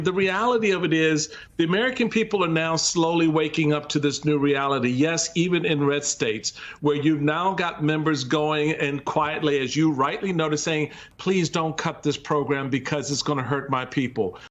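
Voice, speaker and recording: A man on a discussion panel who argues forcefully, asking and answering his own questions. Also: on the high side, normal speed, few pauses, dull audio. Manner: forceful, repeats rhetorical questions.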